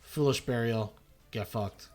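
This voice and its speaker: A man's voice: mid-range voice, a little slow, a little mellow, faint music behind. A man giving loose, self-mocking gameplay commentary as a video host, swearing freely. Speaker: gaming content creator.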